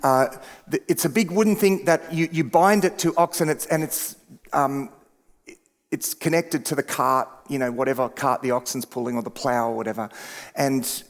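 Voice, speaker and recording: A male pastor preaching a sermon in a conversational way, dropping to hushed tones and rising to emphatic peaks. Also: medium pitch, normal speed. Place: church sanctuary. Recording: church hall reverb.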